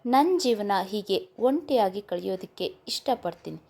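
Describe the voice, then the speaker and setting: A woman's voice: medium pitch, lively intonation, normal speed, gravelly, darkish tone. A woman voicing a bitter, heartbroken young husband who speaks firmly in a storybook reading. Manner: bitter, firm.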